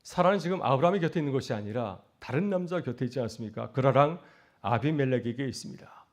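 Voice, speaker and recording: Middle-aged guy pastor preaching fast, earnest, lots of rhetorical questions. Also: a little high, a little mellow. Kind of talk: sermon.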